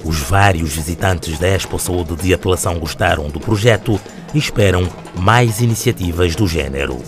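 A man reporter reading a scripted news voice-over in a measured, formal way. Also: low-pitched, over music.

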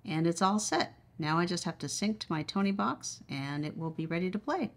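A product reviewer with a notably low-pitched voice speaks briskly and expressively while demonstrating a product. Her delivery is casual and conversational, with each step explained along the way.

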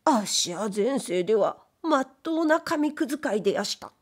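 In this period-fiction audiobook, the female reader plays a shy, self-effacing male ghost, formerly a dealer in wastepaper, using polite, plaintive speech of old Edo commoners. Her voice is a little high, very animated, slightly rough, and moderately paced.

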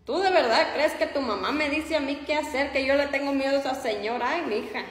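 A woman's voice: sits high, brisk, close to an everyday voice. A woman playing a cocky, boastful macho man who flirts and calls everyone "mija" in a comedy sketch. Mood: swaggering.

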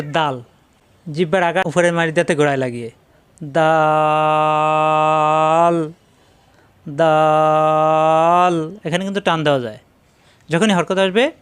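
A man teaching letter pronunciation, briskly drilling syllables over and over. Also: a little high. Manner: brisk drilling, repeats syllables slowly then quickly. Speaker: Quran recitation teacher. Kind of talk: pronunciation lesson.

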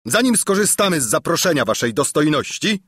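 A man's voice: fairly high pitch, big pitch swings, a little fast, a bit bright, husky, dry recording, studio quality, pitched above the performer's own voice, full character voice. A man voicing a stern, dutiful knight captain speaking firmly and formally in an audiobook. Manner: firm, emphatic formal speech. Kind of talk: audiobook character voice.

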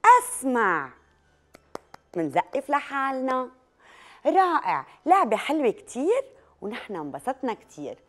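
A woman with a Lebanese Arabic accent, teaching children the letter dal through a clapping game and drawing out each test word slowly. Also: mid-range voice. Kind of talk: children's lesson, leading a listening game.

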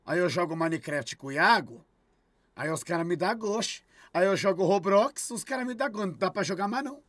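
A man's voice: high-pitched, animated, a little fast, a bit bright, dry recording. Sarcastic swearing man streamer. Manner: irritated, sarcastic ranting with heavy swearing. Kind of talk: casual live-stream chat.

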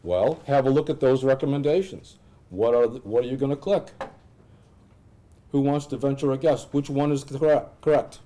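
A middle-aged American man giving an informal lecture with a software demonstration, thinking aloud and asking rhetorical questions. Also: medium pitch, normal speed. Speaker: instructor presenting clinical simulations. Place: indoor classroom at a lectern.

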